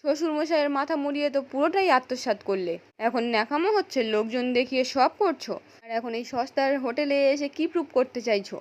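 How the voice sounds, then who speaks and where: A sneering, mocking young rival, voiced by a woman narrator reading aloud. The voice stays high and plain, with little change from the narration. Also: a little fast, a little mellow, close to an everyday voice.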